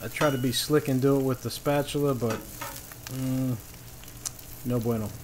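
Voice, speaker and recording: The recording is rough, yet the griddle's sizzle comes through clearly behind this cooking show host. His medium-pitched voice is steady and darkish at a normal pace as he gives casual, folksy instructions during an outdoor demonstration on a paved patio, food frying beside him.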